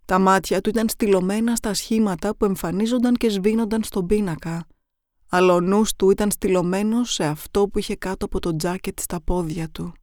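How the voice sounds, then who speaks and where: A woman narrator reading short horror stories in a measured, suspenseful style. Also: medium pitch, fairly even intonation, darkish tone, no echo, clean studio sound.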